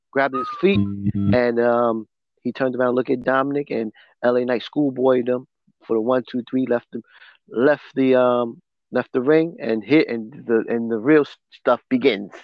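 Halting, rambling male podcast co-host. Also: medium pitch, dry recording, highs cut off. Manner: rambling, halting recap with many restarts. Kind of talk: casual chat.

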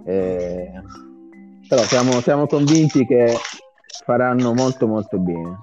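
A man reads out a squad in a casual, chatty way, stumbling over foreign names. His pace is on the slow side. The audio is dull, with light music behind him. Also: medium pitch, expressive. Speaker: team staff member announcing a squad. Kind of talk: casual reading of a player list with banter.

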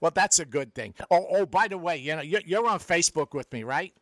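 A man's voice: a little high, expressive, a little fast, fairly bright tone, no echo. A male radio host chatting casually and taking phone calls.

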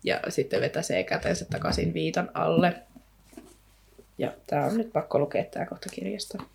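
A woman's voice: lowish voice, gravelly, noisy background. A woman speaking, a podcast co-host casually retelling a story with many fillers and sometimes reading aloud from the book. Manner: rambling retelling with frequent fillers. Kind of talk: casual book discussion with read-aloud passages.

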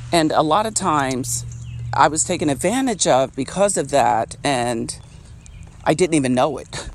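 A man hosting an unedited podcast outdoors, talking reflectively and repeating phrases, laughing now and then. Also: fairly high pitch. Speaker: podcast host. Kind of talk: casual unedited podcast monologue. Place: outdoors by a street. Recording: faint outdoor street noise. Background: traffic and street noise.

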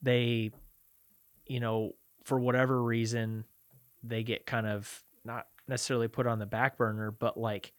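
A man's voice: mid-range voice, level tone, a little slow, no echo. A man in his thirties, a podcast co-host, talking about love in a rambling, reflective way with frequent restarts. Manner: rambling, self-correcting, reflective. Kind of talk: casual faith discussion.

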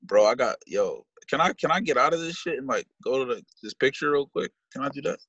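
A man talking on a podcast, emphatic and excited, full of slang and calling his partner "bro". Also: medium pitch, a little fast, breathy edge, no room sound, dull audio. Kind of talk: casual podcast chat.

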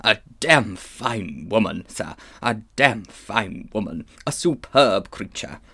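A man voicing a vain, pompous old male magician with a wheedling, old-fashioned gentleman's manner. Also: on the low side, lively intonation, slow pace, breathy edge, full character voice. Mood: self-admiring. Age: older.

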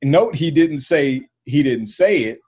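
A man's voice: fairly high pitch, expressive, unhurried, a little mellow, breathy edge. Blunt, slangy man on a podcast. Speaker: podcast co-host. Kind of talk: casual chat.

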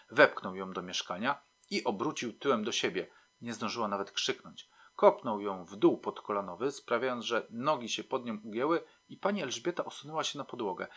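A man narrating a somber audiobook story in a measured way. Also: medium pitch, bright, forceful tone, slightly rough.

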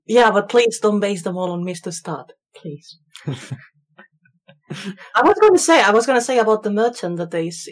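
A woman co-hosting a podcast in casual chat, wry and explanatory. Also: mid-range voice. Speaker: podcast co-host.

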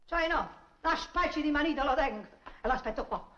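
A woman playing a sharp-tongued wife and mother, scolding and sarcastic, in an old comedy recording. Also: high-pitched, lively intonation, fairly quick, lo-fi sound, background noise.

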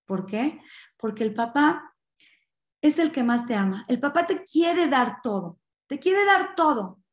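Female lecturer, spiritual talk to women, fairly high voice, lively and emphatic, echoey room. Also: measured pace. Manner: lively storytelling, emphatic asides.

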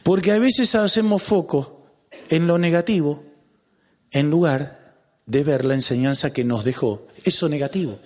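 A man with a Rioplatense accent preaching a lively sermon as pastor, joking and calling out to his congregation. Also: on the high side, measured pace. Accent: Rioplatense Spanish. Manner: animated, calls out to the congregation, jokes. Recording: long hall reverb.

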